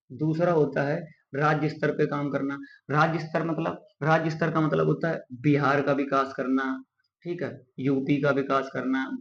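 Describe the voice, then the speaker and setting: Male teacher, repetitive question-and-answer drilling, slightly high voice, lo-fi classroom sound. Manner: drills by asking and answering his own questions; slowly spells out key terms. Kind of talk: whiteboard lesson. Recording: echoey room, dull lo-fi sound.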